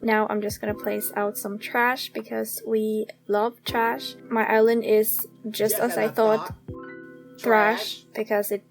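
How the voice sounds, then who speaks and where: A young woman in her twenties talks casually to her viewers as she builds in a game, with a fairly high voice. She giggles often and pokes fun at herself. Soft music plays quietly under her voice. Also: flat delivery, measured pace, creaky, few pauses. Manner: giggly, chatty and self-deprecating, laughs often. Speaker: gaming YouTuber. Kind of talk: casual voice-over chat during a speed build.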